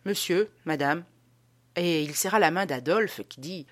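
A woman narrating a classic novel as an audiobook in an expressive reading style. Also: lowish voice, unhurried, no echo. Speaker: audiobook reader. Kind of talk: scripted narration.

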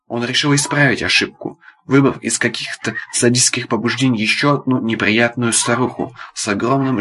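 A man reading an audiobook aloud, narrating in a darkly ironic, deadpan storytelling manner. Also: medium pitch. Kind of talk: scripted narration.

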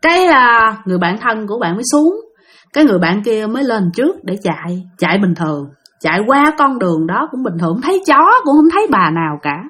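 A woman's voice: fairly high pitch, very animated, quick pace, a bit bright. A woman telling a ghost story in a casual, chatty way, addressing listeners directly.

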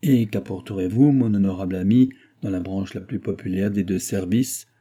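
A man reading an audiobook and voicing a pompous, lecturing brewer's clerk who talks loudly and emphatically. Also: deep voice, moderate pace, slightly rough. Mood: emphatic. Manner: lecturing, self-important, emphatic.

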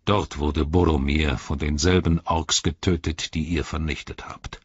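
A man reading as a grieving, solemn royal ranger in a measured, low voice. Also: steady tone, husky, no echo, muffled recording, exaggerated voice. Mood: grave. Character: grieving grave royal ranger, male, adult.

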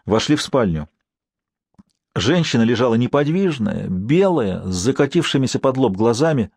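Man, audiobook narration, historical novel, medium pitch, dry close sound. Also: sing-song, moderate pace, darkish tone, slightly rough, no room sound. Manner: reads evenly, raises pitch and volume for characters' outbursts.

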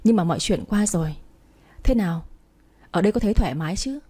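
A young woman who stays cool and unbothered, speaking evenly in a mellow, low-lit voice, read by a woman. A faint husky edge sits on her words in this storybook reading. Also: fast talker. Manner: calm, composed.

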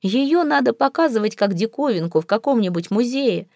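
Exasperated proud young husband in an audiobook, read by a woman, clipped and indignant, mellow dark tone. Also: on the high side, animated, moderate pace, no echo, studio quality. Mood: irritated. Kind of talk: audiobook character reading.

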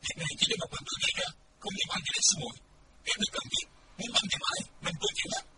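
A man's voice: very high-pitched, lively intonation, racing. A man voicing a guilt-ridden young swordsman. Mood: defiant. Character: young male martial disciple, earnest and guilt-ridden. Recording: distant mic, loud background noise.

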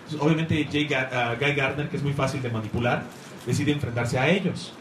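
A man's voice: medium pitch, a little fast. A man giving an enthusiastic talk about comics to a live audience, rambling and searching for words. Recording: echoey room, faint noise.

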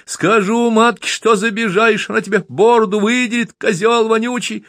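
A man doing a shrill wailing orphan boy. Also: steady tone, normal speed, a bit bright, dry recording, studio quality. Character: crying seven-year-old orphan boy.

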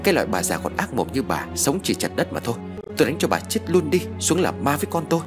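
A man's voice: medium pitch, sing-song, fast, over music, voice pushed up, natural voice. A man playing a furious young mother. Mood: raging. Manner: shouting, threatening.

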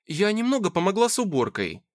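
A man voicing an eager, excitable young woman anxious to please. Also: high-pitched, fairly quick, voice pushed up. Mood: excited. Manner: bubbly, excitable.

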